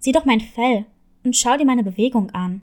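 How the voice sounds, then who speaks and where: A woman voicing a grumpy, suspicious male wolf in a children's story, speaking gruffly and loudly. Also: fairly high pitch, moderate pace, pitched below the performer's own voice, close to an everyday voice. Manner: gruff, growling, gets loud. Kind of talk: storybook reading.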